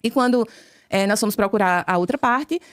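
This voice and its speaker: A woman with a Brazilian Portuguese accent, a podcast guest telling her conversion story as a lively storyteller who acts out each exchange of dialogue. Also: mid-range voice, moderate pace, dry recording, clean studio sound. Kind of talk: conversion testimony told as a story.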